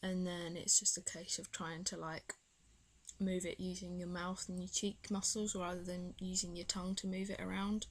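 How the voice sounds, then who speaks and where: A woman's voice: lowish voice, flat delivery, moderate pace. A young British woman chatting casually in a video diary, rambling and hesitant, her speech slightly impeded by a swollen tongue. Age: young adult. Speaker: vlogger.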